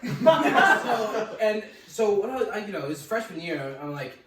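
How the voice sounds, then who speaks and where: Lively high-voiced young man, echoey. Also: unhurried, heavy background noise. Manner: laughing through his own crude anecdotes, rambling with fillers. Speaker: podcast co-host. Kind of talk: casual storytelling chat. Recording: echoey room, distant mic, crowd behind.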